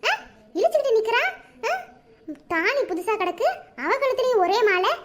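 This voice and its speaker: A woman voicing a quick-tempered village wife in a cartoon, exclaiming loudly with a Kanyakumari Tamil accent. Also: noisy background, lightly acted. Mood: bewildered. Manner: shrill, exclaiming.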